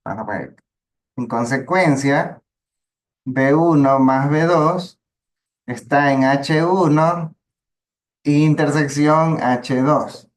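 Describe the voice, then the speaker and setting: A man's voice: a little high, slow pace, long pauses. A man gives a math lecture, working through each step patiently. He keeps checking in with his listeners as he goes, in a plain teaching voice. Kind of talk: lecture on linear algebra.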